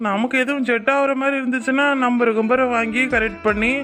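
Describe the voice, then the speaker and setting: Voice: medium pitch, fairly even intonation, fast talker, a bit bright, faint music behind, lightly acted. Someone voicing a boastful cartoon husband. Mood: playful. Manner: bragging, joking banter. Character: boastful young husband, playful and teasing. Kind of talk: cartoon voice acting.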